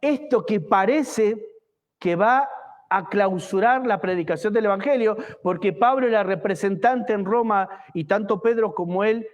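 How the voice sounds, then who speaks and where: High-voiced fervent pastor. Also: male voice, a little slow, lo-fi sound. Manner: fervent, with many rhetorical questions to the congregation. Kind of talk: evangelical sermon. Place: church service.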